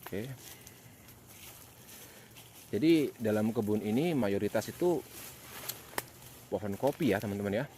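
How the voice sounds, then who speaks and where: A man with a fairly low voice narrates a casual walking vlog at night. His manner is uneasy and pious. The outdoor recording carries clear noise, with animal and nature sounds around him. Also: lively intonation, measured pace, pauses often, dark tone. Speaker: host of a night exploration vlog. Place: outdoors in an overgrown plantation at night.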